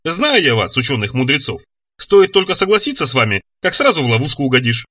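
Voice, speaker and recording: A man's voice: medium pitch, very animated, quick pace, bright, forceful tone, no room sound, studio quality, recorded from a distance. A man voicing a bold young huntress maiden who speaks in an old-fashioned, spirited way.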